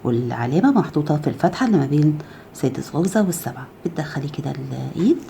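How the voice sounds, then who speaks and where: A woman's voice: low voice, big pitch swings, very fast, noisy background. A woman with an Egyptian Arabic accent gives a step-by-step crochet tutorial, counting stitches aloud and often checking "okay?". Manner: drops to a soft murmur while handling the work. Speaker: crochet teacher.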